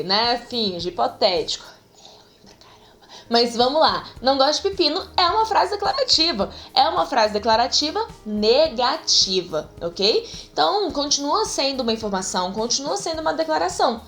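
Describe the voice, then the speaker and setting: A woman grammar teacher giving a chatty, lively video lesson and often speaking straight to her viewers. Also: on the high side.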